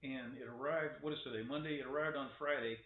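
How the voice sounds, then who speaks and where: A man rambles through a casual webcam monologue, wry and opinionated, stumbling over restarts. His voice sits at an ordinary pitch. The sound is thin and phone-like, with an echoey room around him. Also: steady tone, fast. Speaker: vlogger.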